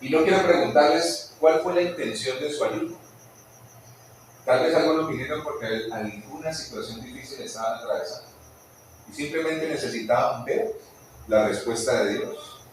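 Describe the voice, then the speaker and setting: A man preaching a sermon in a church hall, animated and often putting questions to the congregation. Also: mid-range voice, moderate pace, slight background noise. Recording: echoey church hall, mic at a distance.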